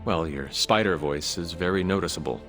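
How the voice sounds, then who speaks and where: An actor playing a calm male demon hunter with a measured, solemn, understated delivery in a video game. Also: deep voice, over music, close to an everyday voice.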